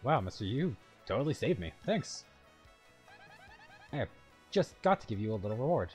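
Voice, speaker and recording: A man's voice: mid-range voice, big pitch swings, moderate pace, darkish tone, faint music behind, close to an everyday voice. A man reading aloud as a young female goomba student in a video game, chatty and sarcastic. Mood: snarky.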